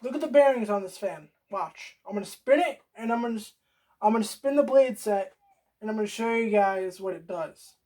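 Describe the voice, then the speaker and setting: Mellow-voiced woman rambling through a repair. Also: medium pitch, a little fast. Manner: rambling, swears freely, talks to the viewer. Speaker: DIY video host. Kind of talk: casual how-to demonstration.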